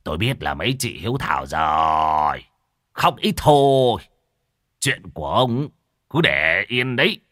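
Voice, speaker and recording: A bossy old village sorcerer, put on by a storytelling man, barking orders in a raised, pitched-up voice. He is brusque and impatient and swings his voice up and down. The voice is dry and close to the mic. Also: very animated, measured pace, fairly bright tone, no room sound. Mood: scolding.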